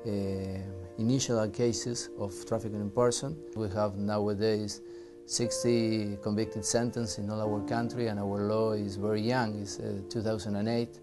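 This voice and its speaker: A man from Argentina, a native Spanish speaker with an Argentine accent, speaking earnestly in an interview as a federal prosecutor, halting with restarts. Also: on the low side, flat delivery, music in the background.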